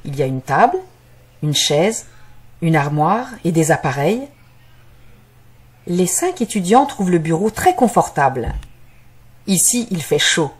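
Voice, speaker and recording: A woman reading a scripted story for language learners as narrator, in a measured, carefully articulated way. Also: on the low side, sing-song, slightly rough.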